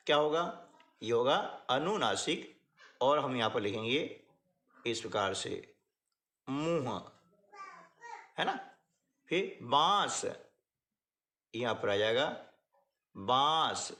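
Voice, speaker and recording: A man's voice: slow pace, long pauses, reverberant. A man teaching a workbook lesson, explaining step by step and often checking in with short questions to the listener. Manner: lively, rising and falling pitch.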